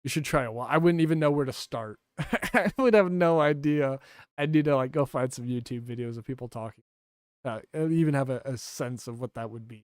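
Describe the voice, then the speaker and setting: A man's voice: medium pitch, fairly quick, clean tone, no room sound, studio quality. A man talking casually to his livestream chat, rambling and correcting himself, laughing now and then.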